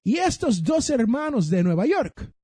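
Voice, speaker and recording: A Puerto Rican man hosts a finance podcast and tells his stories with energy, speaking straight to his listeners. His voice sits high, with a mellow, husky tone. The sound is close and dry. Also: unhurried, no room sound. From Puerto Rico. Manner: animated storytelling, addresses listeners directly. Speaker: podcast host. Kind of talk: personal finance talk.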